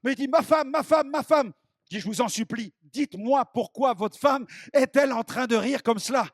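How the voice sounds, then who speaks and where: A man preaching an evangelistic sermon, telling stories with acted-out dialogue and building to emphatic shouted peaks. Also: very high-pitched, normal speed, no room sound, clean studio sound. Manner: acts out dialogue in his stories.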